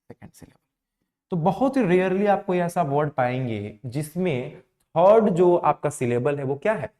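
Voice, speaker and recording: A man teaching an English lesson, explaining slowly, repeating words for emphasis and answering his own questions. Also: fairly high pitch, dark tone. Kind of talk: classroom lesson.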